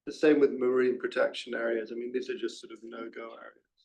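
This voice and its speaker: A man with a heavily gravelly, creaky voice thinks aloud on an academic panel. He raises questions tentatively, and his pitch sits in a middle range. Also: little pitch movement, a little fast, a little mellow, rough recording. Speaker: panel discussant.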